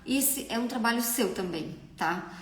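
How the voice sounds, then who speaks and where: A woman's voice: fairly high pitch, animated, unhurried. A young Brazilian woman with a Brazilian Portuguese accent, a makeup artist hosting a live stream and giving frank, chatty advice. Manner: chatty, frank, often asks "entendeu?". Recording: echoey room.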